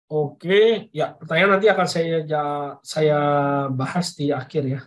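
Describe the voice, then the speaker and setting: An Indonesian parenting educator gives parents a casual lesson over slides, repeating phrases and checking in with "oke?". His voice is a little high and he keeps a measured pace.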